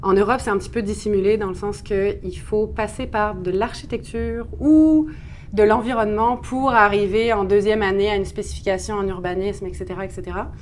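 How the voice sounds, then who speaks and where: In a conversational interview, a French urban planner in her thirties shares personal stories at length, self-deprecating and French-accented. Her medium-pitched voice is fairly quick with fairly even intonation, and there's a bit of hiss or hum.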